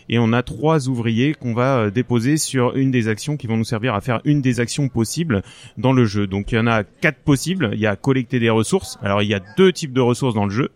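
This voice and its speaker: A man reviewing a board game casually as a podcast panelist, explaining things with dryly humorous asides. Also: medium pitch.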